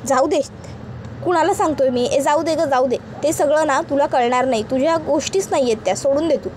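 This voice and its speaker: A woman's voice: high-pitched, brisk, darkish tone, slight background noise, close to an everyday voice. A woman doing an irritable young husband. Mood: irritated. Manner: scolding, sarcastic. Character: irritable young urban husband, sharp-tongued.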